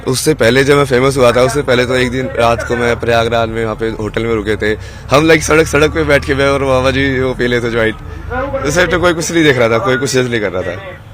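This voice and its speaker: Impassioned man amid a loud crowd. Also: mid-range voice, fast. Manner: rambling, impassioned, rhetorical questions. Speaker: interviewee, wandering ascetic. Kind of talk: outdoor interview answers. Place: outdoors at a busy festival ground. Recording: outdoor recording with loud crowd.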